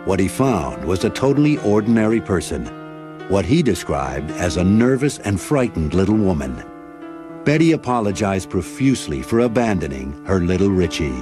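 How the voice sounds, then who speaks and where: A man narrating a documentary in a measured, grave storytelling manner. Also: low voice, sing-song. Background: music bed.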